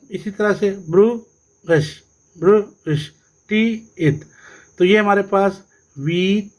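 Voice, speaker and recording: A man teaches an English phonics lesson, breaking words into sounds and saying them over. His voice sits a little high, and he takes his time. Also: a little mellow, low-quality recording. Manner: slow, spelling words out sound by sound and repeating them.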